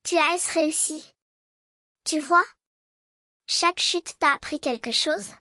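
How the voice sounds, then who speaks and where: A woman voicing a soft, gentle, encouraging magic bicycle in a children's storybook, as if reading to a toddler. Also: sits high, slow, no echo, clean studio sound, exaggerated voice. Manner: tender, reassuring, as if reading to a toddler.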